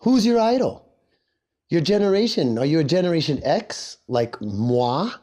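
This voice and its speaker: A man in his forties from Hawaii hosting a casual solo podcast. He sounds hoarse and talks in a rambling, chatty, self-mocking way. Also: on the high side, very animated, moderate pace, dark tone. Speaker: podcast host.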